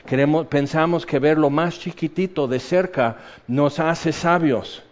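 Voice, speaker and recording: A man's voice: on the high side, unhurried. Passionate male preacher, dull lo-fi sound. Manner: passionate, shifts between loud emphasis and soft hushed tones; reads scripture then acts out quoted voices. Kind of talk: sermon.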